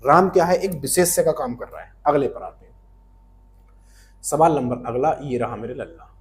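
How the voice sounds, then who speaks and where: A man's voice: a little high, animated, moderate pace, a little hiss or hum. Friendly grammar teacher, man. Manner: asks questions and answers them himself, repeats key terms; friendly, calls the viewer "my friend". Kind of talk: exam-prep grammar lesson.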